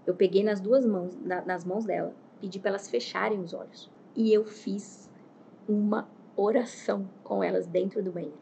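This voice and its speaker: Woman, therapist, motivational storytelling, animated, repetitive, gravelly, slight hiss behind. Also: mid-range voice, moderate pace. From Mato Grosso, Brazil. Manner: animated and repetitive, with vivid retelling. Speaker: therapist and speaker.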